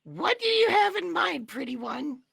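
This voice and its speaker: A man voicing an excitable, squeaky young male adventurer who blurts his lines out loudly. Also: moderate pace, creaky, no echo, full character voice. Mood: eager. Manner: shrill, bursting, shouting.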